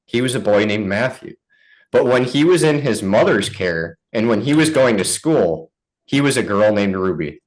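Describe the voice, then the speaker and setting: A father giving an interview, recounting events in a measured, earnest way. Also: fairly low pitch, expressive, rough recording. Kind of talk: interview answers.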